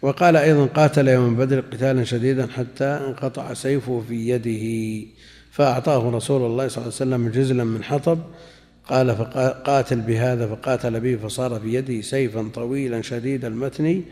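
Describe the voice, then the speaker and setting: Male religious teacher, mid-pitched, measured and repetitive explanation, reverberant hall sound. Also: steady tone, dark tone. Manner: measured, repeats phrases while explaining. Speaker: Islamic scholar. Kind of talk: lecture explaining hadith commentary.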